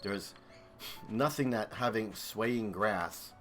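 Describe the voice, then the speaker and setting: A man's voice: lowish voice, takes it slowly, faint music behind. A man streaming and commentating a video game comparison in a chatty, enthusiastic way. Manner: chatty, enthusiastic, thinks aloud. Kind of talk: casual gameplay commentary.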